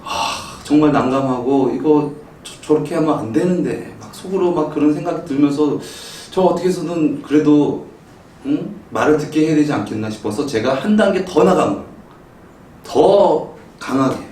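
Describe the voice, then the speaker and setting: A middle-aged male pastor preaching a sermon, telling a family story and acting out his own shouted lines with animated storytelling. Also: on the high side, moderate pace, a little hiss or hum. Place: church sanctuary. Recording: roomy echo, mic some distance off.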